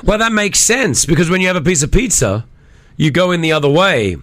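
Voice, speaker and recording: A man hosting breakfast radio, teasing his guests and bantering in a chatty, animated way on a studio mic. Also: on the high side, brisk, dry recording. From Australia. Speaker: radio host.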